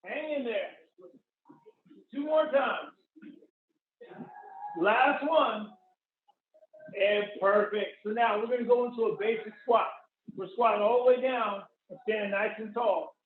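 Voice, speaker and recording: High-pitched barking male gym coach. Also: unhurried, pauses often. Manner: encouraging, short repeated commands. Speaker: fitness trainer leading a live workout. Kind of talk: workout coaching, counting down. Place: indoor workout space, heard over a video call. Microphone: phone or computer on a video call. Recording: tinny, echoey video-call audio.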